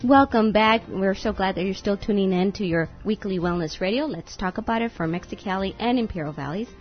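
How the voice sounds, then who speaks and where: Female host, brisk pace, upbeat greeter, dull radio sound. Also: medium pitch, soft background music. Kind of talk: upbeat radio show opening.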